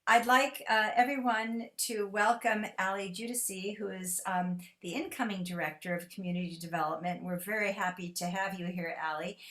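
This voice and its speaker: A woman's voice: mid-range voice, fairly even intonation, normal speed, few pauses, a bit bright. A woman hosting a meeting, politely introducing the next speaker with frequent fillers. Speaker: meeting host.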